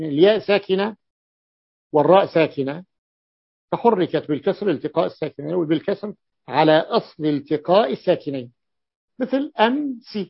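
A man's voice: high voice, gravelly, breathy edge, dry recording, highs cut off. A man teaching a grammar lesson, explaining step by step and repeating key points for his students.

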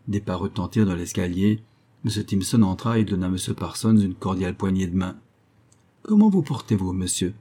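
A man narrating a classic humorous story in measured, even audiobook reading. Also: deep voice, slightly rough.

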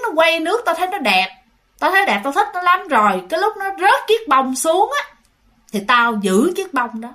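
A woman's voice: high voice, bright, forceful tone, voice pushed up, heavily acted. A woman voicing the brash, threatening ghost of a drowned male spy who possesses a woman and talks coarsely.

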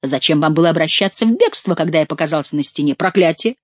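A woman's voice: low voice, expressive, fast, dry recording. A woman voicing a mocking, ironic young male nobleman in an audiobook, with a teasing, mock-polite manner.

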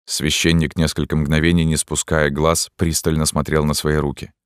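A man narrating an audiobook in a measured, dramatic storytelling manner. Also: very deep voice, little pitch movement, clean tone, no room sound, studio quality.

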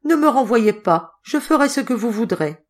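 A woman's voice: medium pitch, normal speed, a little mellow, voice pushed up, natural voice. A woman reading a storybook and voicing a poor, frightened young boy who pleads in a raised, plaintive voice. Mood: tearful.

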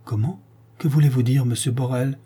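A man voicing a gentle former convict who talks tenderly and tearfully, pleading and sorrowful. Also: mid-range voice, steady tone, normal speed, breathy edge. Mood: bewildered.

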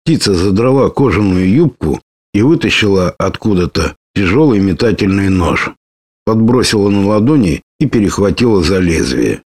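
A man narrating an audiobook in a steady storytelling manner. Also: low-pitched, moderate pace.

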